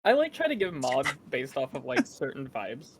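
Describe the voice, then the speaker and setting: A man chatting casually on a livestream in an excitable, emphatic, sweary way. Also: medium pitch, moderate pace, a little hiss or hum.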